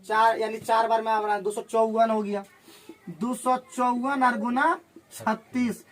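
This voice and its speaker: Man, maths tutor, classroom lesson, rapid questions to students, calculating aloud. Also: very high-pitched, level tone, a bit bright.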